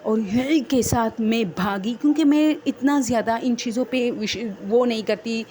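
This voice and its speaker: A woman's voice: fairly high pitch, mellow, a little hiss or hum. A woman telling her own horror story in a rambling, unscripted, conversational way.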